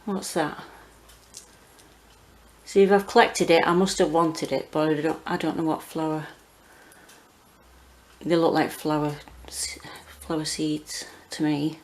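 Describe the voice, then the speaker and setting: A British woman in her forties chatting casually and hesitantly as she gives a rambling home gardening tour, with a monotone, self-deprecating manner. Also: low voice, measured pace, pauses often. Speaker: gardening vlogger. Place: small home kitchen and windowsill, indoors.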